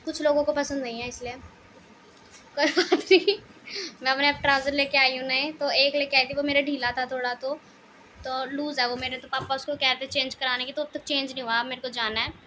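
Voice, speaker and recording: High-voiced chatty young woman vlogger. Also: steady tone, a little fast, sharp tone, slight background noise. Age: young adult. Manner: talkative, laughs often, teasing. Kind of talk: casual chatty vlog. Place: at family home, outside.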